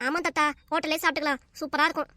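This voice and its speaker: A woman's voice: high-pitched, flat delivery, rapid-fire, pushed and bright, dry recording, clean studio sound. A woman voicing a mischievous young child who teases and whines in a family cartoon. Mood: teasing. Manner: cheeky, teasing, whiny. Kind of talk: cartoon dub acting.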